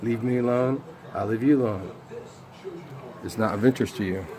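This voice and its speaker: A man's voice: on the low side, moderate pace, a crowd in the background. A man in rambling casual talk, complaining in a sweary, confrontational way.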